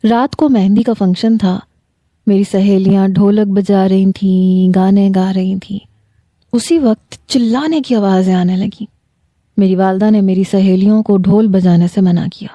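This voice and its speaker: A young adult woman narrates a first-person story with emotional, dramatic delivery. Her voice is warm and mellow. The recording is close and dry, with no room sound. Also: mid-range voice, fairly even intonation, no echo. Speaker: storyteller reading her own novels.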